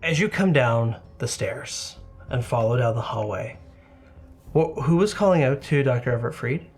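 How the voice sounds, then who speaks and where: A man's voice: mid-range voice, expressive, normal speed, husky, faint music behind. A man narrating a tabletop game as game master, describing scenes to the players.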